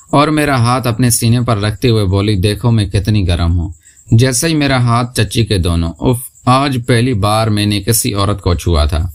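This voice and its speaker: A man narrating a scripted first-person story in a steady, unhurried reading voice. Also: mid-range voice.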